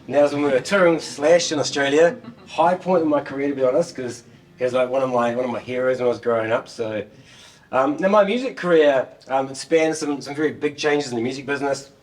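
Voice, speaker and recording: A man's voice: mid-range voice, fast. A middle-aged man with a New Zealand accent gives an informal tech talk in a joking, self-deprecating way, often repeating words. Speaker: software developer giving a talk. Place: indoor meeting room, standing at a laptop beside a screen. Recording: distant room microphone.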